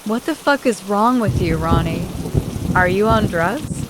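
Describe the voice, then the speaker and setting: A woman's voice: mid-range voice, expressive, unhurried, heavy background noise, close to an everyday voice. A woman voicing an angry, foul-mouthed ex-wife who talks sharply and swears.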